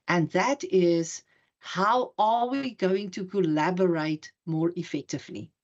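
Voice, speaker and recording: Middle-aged woman speaker, low-set voice, deliberate storyteller at a conference, dull lo-fi room recording. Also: a little mellow. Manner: storytelling, slows down to stress key words. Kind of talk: academic conference talk.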